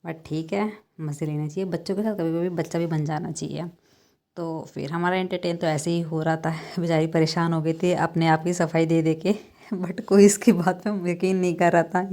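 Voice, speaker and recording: A woman narrating her family vlog in a chatty storytelling way, laughing often and filling pauses as she goes. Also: on the low side, steady tone, dark tone. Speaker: family vlogger.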